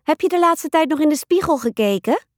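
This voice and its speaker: A woman's voice: lively intonation, brisk, dry recording, studio quality. A woman putting on a bratty, teasing little girl. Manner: high, singsong and teasing. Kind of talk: storybook reading.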